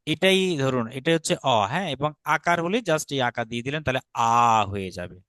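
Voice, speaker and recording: A man's voice: medium pitch, very animated, fast, fairly bright tone, no echo. A man with a Bangladeshi Bengali accent teaching an online Sanskrit class, patient and often checking that students follow.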